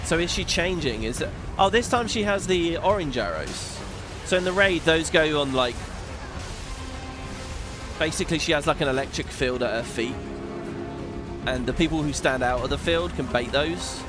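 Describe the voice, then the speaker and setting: A man's voice: fairly high pitch, lively intonation, moderate pace, long pauses. A man giving casual, opinionated gameplay commentary as a streamer, swearing freely. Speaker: game streamer. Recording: game music behind the voice. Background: game music.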